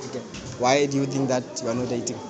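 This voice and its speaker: A man's voice: mid-range voice, flat delivery. A young man with a South African accent, interviewing people on a street at night. He talks with a handheld mic, is playful and says "okay, okay" over and over. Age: young adult. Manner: fast, repeats "okay, okay" often, playful. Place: busy street at night, outdoors. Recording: street crowd noise behind.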